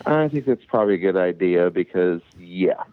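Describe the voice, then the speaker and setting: A man's voice: low-pitched, animated, normal speed. A male caller who is hesitant, rambling and jokey. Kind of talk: casual phone chat. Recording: dry phone line.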